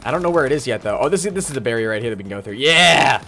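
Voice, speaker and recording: A man commentating his live game stream, chatting along and greeting viewers by name with sudden excited outbursts. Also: medium pitch, very fast, gravelly.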